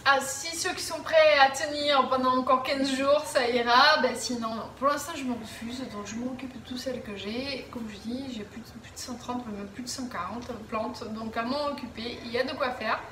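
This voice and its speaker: A woman's voice: sits high, normal speed, hardly any pauses, background noise. A woman in her thirties chatting to camera from her living room, with many fillers and restarts as she answers viewer questions. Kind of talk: casual chat to camera. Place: living room at home, indoors. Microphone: camera at a distance. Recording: roomy echo, voice a bit far from the mic.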